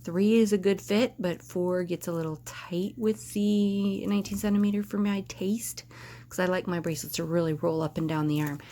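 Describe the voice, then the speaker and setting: A woman's voice: lowish voice, steady tone, moderate pace, dark tone. A woman vlogging casually to camera, rambling and hesitant, with lots of filler words and restarts.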